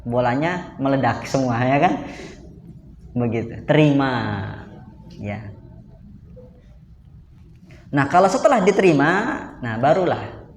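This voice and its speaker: In a mosque hall with roomy sound and a little hiss or hum, an Indonesian man delivers a lively sermon. His medium-pitched voice is expressive and slow, with frequent pauses, as he asks his listeners questions and answers them himself.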